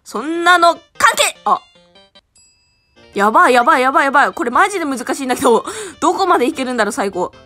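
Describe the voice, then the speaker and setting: A young woman streaming a game in a high, bright voice that leaps all over the place. She chats casually, then bursts into sudden shouts and laughter. Faint music plays behind her. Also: expressive, quick pace. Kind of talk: casual gameplay commentary.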